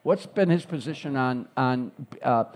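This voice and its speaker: A man's voice: mid-range voice, measured pace. A middle-aged man, speaking as a guest in a talk interview in an earnest, repetitive stump-speech rhythm. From Chicago, United States. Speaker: mayoral candidate guest.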